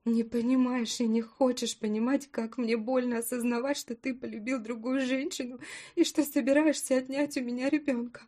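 A woman's voice: fairly high pitch, level tone, moderate pace, warm tone, voice pushed up, natural voice. A woman narrator voices a heartbroken young wife pleading in a raised voice. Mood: desperate. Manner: pleading, rising to desperate cries.

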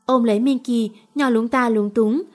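A woman narrator reads a romance novel in a steady storytelling way. Her voice sits somewhat high. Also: normal speed. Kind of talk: audiobook novel reading.

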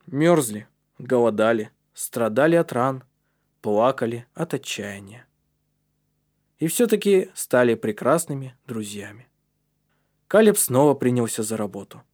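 A man with a mid-range voice narrates a storybook aloud as an audiobook, keeping a steady, measured delivery.

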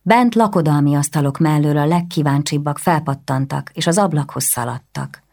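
A woman reading a historical novel aloud as an audiobook narrator, in a measured, even way. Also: deep voice, vocal fry. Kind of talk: scripted narration.

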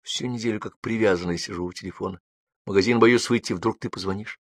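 A man's voice: lowish voice, steady tone, fast, dry recording, clean studio sound, close to an everyday voice. A man voicing an emotional young woman in an audiobook, pleading and agitated. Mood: hurt. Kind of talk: audiobook reading.

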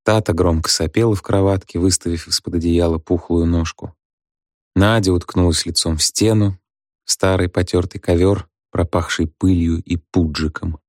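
A man narrating a story in an even storytelling manner. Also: low voice, normal speed, no echo, studio quality. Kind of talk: audiobook narration.

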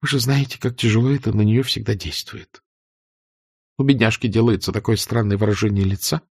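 Male actor as a gentle soothing young woman, soft and kind, lively pitch. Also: moderate pace, no room sound, clean studio sound. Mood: hushed. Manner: soft, consoling.

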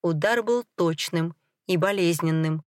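A woman reading a dramatic first-person story in a measured, grave way. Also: lowish voice, no room sound, clean studio sound.

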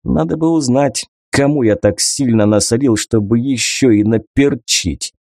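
A man's voice: mid-range voice, unhurried, a little mellow, dry recording, lightly acted. A male audiobook reader voicing a sardonic young male army officer who talks in a dry, curt way.

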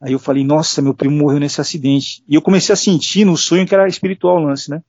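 Interview guest: middle-aged Brazilian man, quick earnest storyteller, slightly high voice, dull dry lo-fi sound. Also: steady tone, darkish tone, breathy edge, dry recording. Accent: Brazilian Portuguese. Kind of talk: casual interview testimony.

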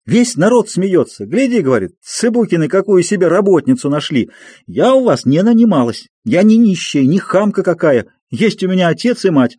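A man reading an audiobook and voicing a furious young peasant woman who shouts and scolds. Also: medium pitch, big pitch swings, quick pace, hardly any pauses, no echo.

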